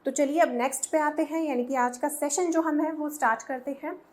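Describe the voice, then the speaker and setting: A woman with a high, fairly quick, slightly mellow voice teaches English idioms to Hindi speakers. She switches back and forth between Hindi and English, patiently spelling words out one letter at a time in this Hindi-English language lesson.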